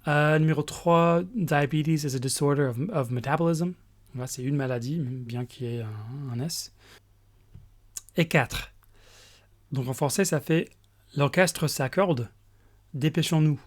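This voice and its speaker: Male English teacher, unhurried explanatory delivery. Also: on the high side. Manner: slow, explains pronunciation step by step, fillers. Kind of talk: recorded grammar lesson.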